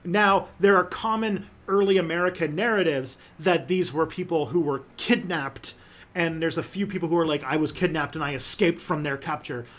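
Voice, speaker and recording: A man hosting a casual livestream chat, animated and jokey, rambling with many fillers. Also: on the high side, moderate pace. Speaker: host.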